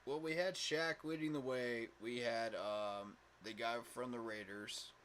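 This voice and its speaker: Slight background noise sits behind this fan channel host's mid-range voice, which is steady, fairly bright, and a little slow. Running a casual livestream while tired from lack of sleep, he speaks emphatically with plenty of fillers and repeated words.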